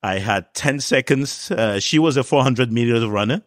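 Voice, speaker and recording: A man in his fifties from Cameroon, a podcast guest telling his life story in a relaxed way with many fillers. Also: medium pitch, moderate pace, no echo, clean studio sound. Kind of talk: casual interview talk.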